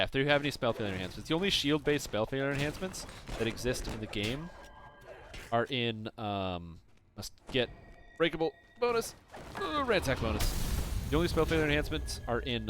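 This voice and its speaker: Young male streamer: casual, profane, rambling, with a lively voice. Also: mid-range voice, moderate pace, noisy background. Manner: rambling, profane, thinks aloud. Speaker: game streamer. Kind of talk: casual livestream chat over gameplay.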